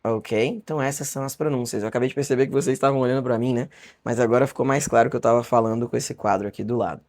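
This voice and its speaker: A man's voice: mid-range voice, steady tone, darkish tone. Chatty Brazilian man teaching a lesson. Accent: Brazilian Portuguese. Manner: chatty, encouraging, repeats words slowly for practice. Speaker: English teacher. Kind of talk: online beginner lesson. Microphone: webcam or camera facing him.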